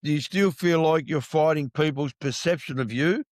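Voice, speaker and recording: A man's voice: fairly high pitch, moderate pace, no room sound, clean studio sound. A middle-aged Australian man hosting a casual interview, blunt and full of swearing and mateship talk. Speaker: podcast host.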